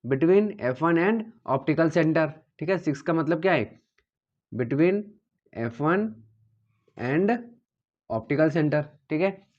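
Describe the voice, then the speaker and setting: A man's voice: a little high, lo-fi sound. A man teaching a physics lesson at a whiteboard, explaining step by step, asking and answering his own questions and checking in often with his students. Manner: repeats "theek hai" to check students follow.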